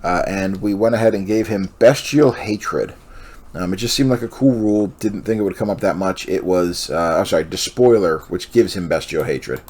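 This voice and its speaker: A man hosting a casual walkthrough of building a tabletop army list, rambling with many pauses and self-corrections, and sounding tired. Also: deep voice, darkish tone, breathy edge. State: yawning, tired. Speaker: host.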